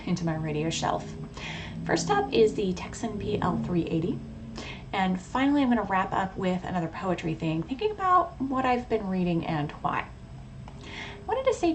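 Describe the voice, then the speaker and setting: A woman with a mid-range voice talks in a thoughtful, measured way as a radio hobbyist vlogger and poet. Her casual, informative vlog chat includes a poetry reading. Background noise is clearly audible.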